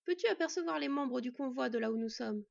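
A woman voicing a gruff female wolf in a read-aloud story, terse and growling. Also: sits high, expressive, fast talker, lo-fi sound, exaggerated voice.

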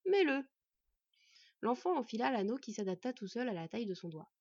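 A woman narrating a fantasy audiobook in an even, measured reading. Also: fairly high pitch, breathy edge, no echo, lo-fi sound.

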